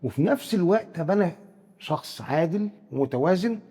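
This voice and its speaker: An Egyptian man explains psychology at a rapid clip, stumbling into quick restarts as he goes. His voice sits a bit high but sounds dark and husky. The room adds a long trailing reverb. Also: expressive. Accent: Egyptian Arabic. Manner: rapid, explains with first-person examples, frequent stammered restarts. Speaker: psychiatrist guest expert. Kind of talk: explanatory discussion.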